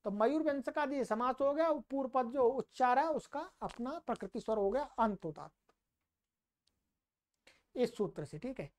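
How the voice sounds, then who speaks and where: A woman teaching Sanskrit grammar in a classroom lecture. She explains in Hindi, slows down to recite Sanskrit rules and often checks in with "ठीक है". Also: sits high, lively intonation, darkish tone.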